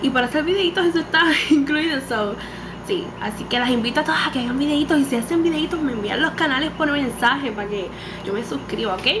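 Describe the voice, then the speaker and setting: A nineteen-year-old Puerto Rican beauty vlogger with a high voice and a Puerto Rican Spanish accent chats animatedly to her webcam, sprinkling English words into her speech. She's in a small indoor room, and the home webcam recording picks up background noise.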